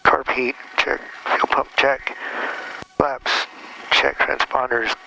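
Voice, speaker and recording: A man's voice: mid-range voice, flat delivery, takes it slowly, vocal fry, bright, forceful tone. A man as a student pilot, reciting checklists and readbacks in a cockpit. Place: small aircraft cockpit. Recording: faintly noisy cockpit intercom audio.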